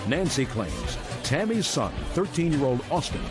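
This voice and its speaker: Animated male TV announcer over music. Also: medium pitch, moderate pace. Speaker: TV show announcer. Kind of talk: scripted case narration over music. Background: loud music bed.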